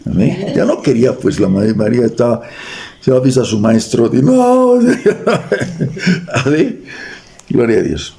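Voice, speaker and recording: Gravelly Bolivian preacher, lively pitch. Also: male voice, unhurried, long pauses. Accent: Bolivian Spanish. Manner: reads verses aloud, adds jokes and quizzes the congregation. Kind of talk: sermon with scripture reading. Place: church.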